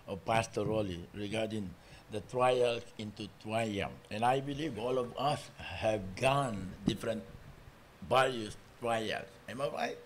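A middle-aged man with a fairly low, unhurried voice opens an informal sermon as a guest pastor, rambling through anecdotes. He speaks at the pulpit of a small church hall into a pulpit microphone, with a little hiss or hum audible.

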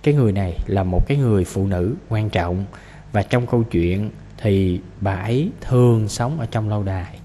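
A male English teacher, going through an exam practice lesson and repeating each word before explaining it briskly. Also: lowish voice, warm tone. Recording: reverberant room with faint noise.

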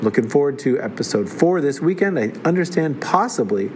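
A man's voice: a little high, lively intonation, brisk, a little hiss or hum. A man hosting a comedic TV review, talking in a wry way with sarcastic asides. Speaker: host reviewing a TV series.

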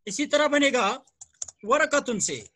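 Male teacher from Jammu and Kashmir, India, on a video call. Slow, patient drilling, very high bright voice, quick to praise. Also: very animated. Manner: patient drilling, repeats words, praises students often. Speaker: Arabic teacher. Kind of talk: online grammar lesson with students.

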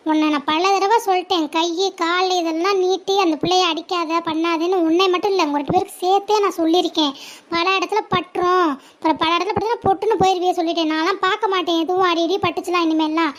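A woman playing a nagging, very high-voiced mother. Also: fairly even intonation, fast talker. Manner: sharp nagging scolding. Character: scolding middle-aged mother of two girls. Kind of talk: family drama role-play.

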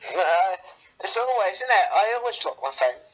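Bright high voice over a phone call. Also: male voice, big pitch swings, moderate pace. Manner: joking, offhand replies. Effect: heard over a phone call. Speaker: friend on a call. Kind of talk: casual phone chat. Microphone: phone speaker picked up by a laptop. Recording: muffled phone line with faint music.

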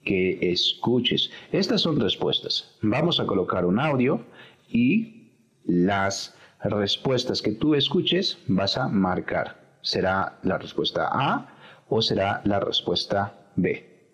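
A man's voice: on the low side, big pitch swings, takes it slowly, fairly bright tone. A man teaching English, patiently explaining a workbook exercise step by step. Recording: echoey, dull-sounding recording.

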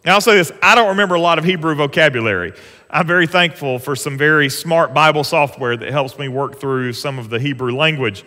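In a church sanctuary, a pastor preaches a sermon in an earnest, conversational style, leaning into the scripture he reads aloud. His bright voice is a little high for a man and brisk, and the sound carries the long reverb of a large hall.

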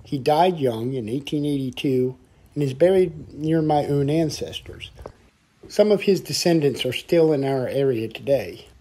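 A man's voice: medium pitch, animated, measured pace, dark tone, slightly rough, no echo. A man, narrating his exploration of old ruins in an earnest, reflective way. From northern Delaware. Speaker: restoration vlogger. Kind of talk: documentary narration.

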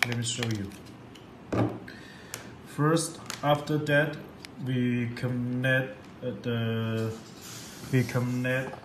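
Seated at a computer desk in an indoor room, a product demonstrator walks through software without a script. He talks slowly and flatly in a mid-range voice, using simple, repetitive non-native English with frequent halts, in an echoey space with background noise.

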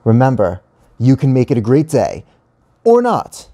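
A male teacher reading his own children's story aloud in an animated, friendly storytelling manner. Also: mid-range voice, moderate pace.

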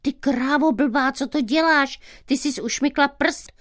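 A woman voicing a hysterical, panicky small man in glasses, yelling frantically in a read-aloud story. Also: high voice, voice pushed up, close to an everyday voice.

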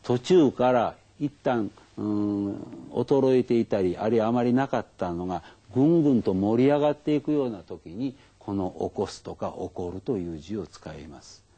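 Gentle older man teaching children. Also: fairly low pitch, animated, normal speed, few pauses, slightly rough. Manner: gentle, patient explaining with many fillers. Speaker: elementary school teacher. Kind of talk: kanji lesson for children.

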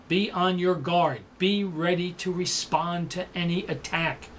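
A man's voice: fairly high pitch, slight background noise. A man preaching a sermon, explaining words and repeating the verse for emphasis. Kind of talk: sermon teaching.

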